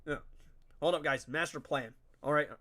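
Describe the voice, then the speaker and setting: This young adult man's voice is a little high and sharp, holding a steady tone at a moderate pace. His nose is stuffy, giving him a nasal sound as he casually comments on his gameplay and talks to his stream chat in slang.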